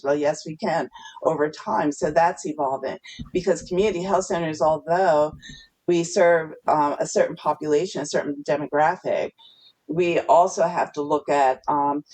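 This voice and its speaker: A woman's voice: deep voice, rough recording. Woman from New Jersey, podcast guest. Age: older. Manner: explanatory, steady, with fillers. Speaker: guest, health clinic CEO. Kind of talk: podcast interview.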